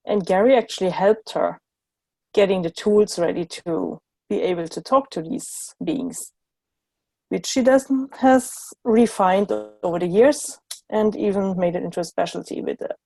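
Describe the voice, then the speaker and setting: A woman from Germany, a guest on an online talk, explaining things calmly and steadily. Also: mid-range voice, measured pace, vocal fry, dry recording. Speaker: guest facilitator.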